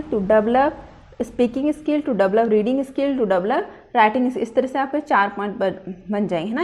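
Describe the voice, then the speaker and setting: Explaining a lesson plan, a woman with a fairly high, slightly mellow voice lectures in a classroom style, going point by point. She reads English phrases slowly in an Indian English accent and then rephrases them more plainly.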